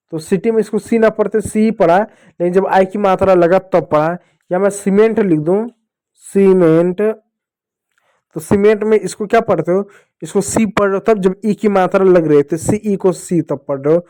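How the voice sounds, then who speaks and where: Male children's tutor, high and mellow, patient and repetitive. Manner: patient, repeats and asks the children questions. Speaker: teacher. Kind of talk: children's phonics lesson.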